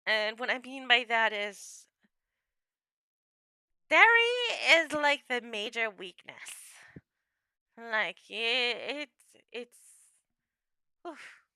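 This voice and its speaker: Bright, lively-voiced woman streamer chatting. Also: a little high, drawn-out words, pauses often, clean tone, no echo, studio quality. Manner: playful, laughs often. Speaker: livestreamer. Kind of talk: casual chat with viewers.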